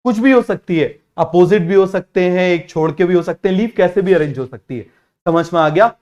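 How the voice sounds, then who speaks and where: A male teacher giving an online biology lesson in Hindi-English mix, repeating key terms and urging students to answer quickly. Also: sits high, darkish tone, highs cut off. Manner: repetitive, keeps asking students to answer quickly; drills terms by repeating them slowly.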